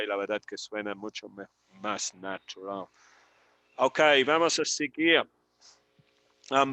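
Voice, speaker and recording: Slow, bright-voiced male language teacher. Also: mid-range voice, no echo. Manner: slow, patient, repeats example sentences for students. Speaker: English teacher. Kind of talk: live online language class.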